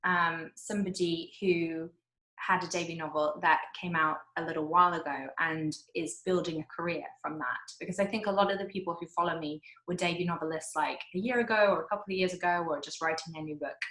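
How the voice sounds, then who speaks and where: Bright woman hosting a video call. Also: fairly low pitch, steady tone, fairly quick. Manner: chatty, with fillers and asides. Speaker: host interviewing an author. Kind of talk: casual interview chat. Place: indoors at home. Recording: echoey room over a video call.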